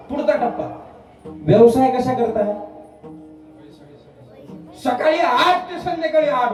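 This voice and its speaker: A man's voice: extremely high pitch, darkish tone. A man preaching a devotional kirtan sermon in a festival pandal, firing questions at the crowd and repeating phrases in a call-and-response cadence. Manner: fires questions at the crowd, urging answers. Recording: echoey PA from far off, with music.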